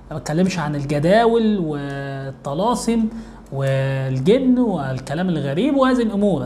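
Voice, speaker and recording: A man's voice: high-pitched, darkish tone, slight background noise. A man with an Egyptian Arabic accent speaking earnestly to his viewers in a monologue, often repeating his key points. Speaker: host of a religious advice channel. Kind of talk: direct-to-camera monologue.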